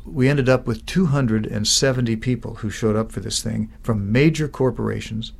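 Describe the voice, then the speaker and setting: A man's voice: fairly low pitch, gravelly. A man who is a business speaking coach and co-founder, telling an anecdote with enthusiasm in a conversational way. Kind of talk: animated conversational storytelling.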